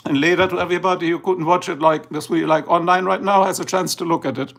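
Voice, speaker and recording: A high-pitched, creaky, slightly bright voice belongs to a German livestream host with a German accent, who talks fast with fairly even intonation. He rambles casually and a bit drowsily while showing photos from a tablet slideshow indoors.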